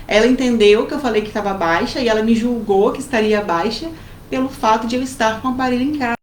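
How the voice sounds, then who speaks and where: A woman with a Brazilian accent, co-hosting a casual advice chat and telling family stories in a lively way. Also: on the high side, fast talker. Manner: lively storytelling with acted quotes. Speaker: co-host giving family advice. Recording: roomy with faint background noise.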